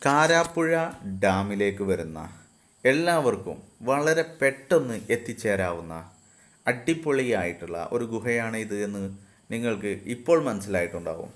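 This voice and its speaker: A man narrating a travel video voice-over in an even, informative guide tone. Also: on the low side, normal speed.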